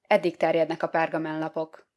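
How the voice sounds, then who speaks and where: A woman narrating an audiobook with a somewhat low voice. Her reading is measured and expressive, keeping a steady storytelling pace. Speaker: audiobook reader.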